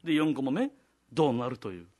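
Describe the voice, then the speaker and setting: A man's voice: mid-range voice, animated, fast talker, a little mellow. A man hosting a casual chat, reading out comic panels and chuckling along. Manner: reads comic strip panels aloud, chuckling. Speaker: host.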